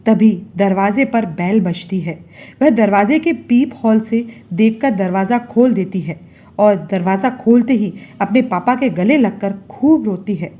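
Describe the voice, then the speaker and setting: A woman storyteller giving a scripted narration of an emotional family tale in an even, measured reading. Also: mid-range voice.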